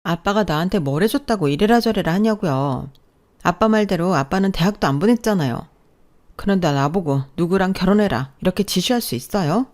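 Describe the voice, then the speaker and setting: A woman voicing a spiteful young sister-in-law, speaking higher and louder than her own narration, with a mocking, needling manner. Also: lively intonation, a little fast, lightly acted. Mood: defiant.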